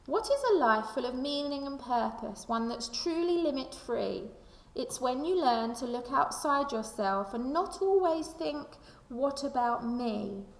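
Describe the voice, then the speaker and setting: A primary school teacher with a high voice reads a children's book aloud in an animated way at a measured pace. She addresses the young listeners directly and poses reflective questions, all in a room with long, echoing reverb.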